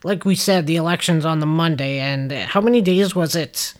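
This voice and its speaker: A man's voice: fairly high pitch, normal speed. A man co-hosting a podcast in casual, joking chat. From Canada. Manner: relaxed, joking, hedging fillers. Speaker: podcast co-host.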